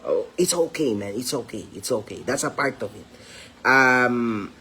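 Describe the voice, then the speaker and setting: A man's voice: medium pitch, animated, unhurried, pushed and bright, a little hiss or hum. A man talking casually to his viewers as a vlogger, teasing and laughing often and mixing English phrases into his talk. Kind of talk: casual commentary vlog.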